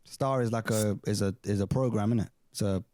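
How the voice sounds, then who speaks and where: A man's voice: fairly low pitch, fairly even intonation, fairly quick, a little mellow, dry recording, clean studio sound. A man in his twenties with a London roadman accent, co-hosting a casual, slangy, talkative chat. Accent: London urban roadman slang accent. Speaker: podcast co-host.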